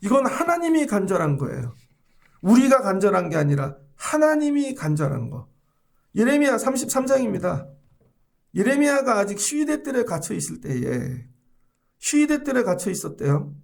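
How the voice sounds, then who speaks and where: A man's voice: high-pitched, big pitch swings, moderate pace, vocal fry. A middle-aged male pastor preaching a sermon, often asking the congregation questions.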